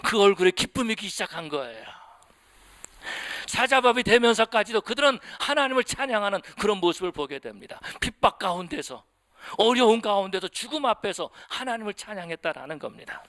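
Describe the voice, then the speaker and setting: Impassioned male preacher, high and bright, close and dry. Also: lively intonation, fairly quick, no echo. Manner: impassioned preaching, acting out pleading prayers. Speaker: pastor. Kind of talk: sermon.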